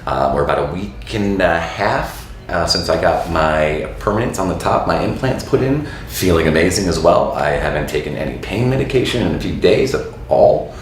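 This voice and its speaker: A man's voice: low-pitched, moderate pace. A man in his thirties from Florida talking casually and frankly to camera as a dental patient, with lots of fillers. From Florida, USA. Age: 30s. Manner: relaxed, frank, many fillers and um's. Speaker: dental patient giving a testimonial. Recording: very echoey room with faint background noise.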